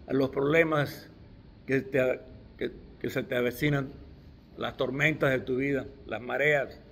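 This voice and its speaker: A man's voice: medium pitch, a bit bright. A middle-aged man preaching a sermon, stressing key words with restarts along the way.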